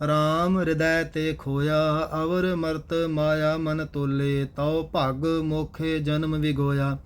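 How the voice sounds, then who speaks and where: A man with a Punjabi accent reciting scripture in a slow chant, pausing to explain how each word should be pronounced. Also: on the high side, little pitch movement, clear, resonant tone. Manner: measured, instructive, repeats each correct pronunciation. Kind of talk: slow chanted scripture reading with spoken pronunciation notes.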